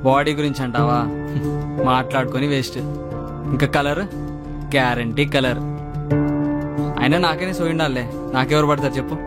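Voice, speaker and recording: Wry young Telangana man, loud music behind. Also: medium pitch, fairly even intonation, normal speed, long pauses. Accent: Telangana Telugu. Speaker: friend in a comedy sketch. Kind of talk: scripted comedy sketch.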